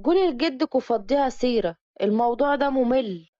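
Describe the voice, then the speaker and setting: A woman's voice: sits high, animated, a little fast, dark tone, no echo. A woman with an Egyptian accent voicing a blunt young friend who talks dismissively. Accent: Egyptian Arabic. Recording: dull dry lo-fi recording.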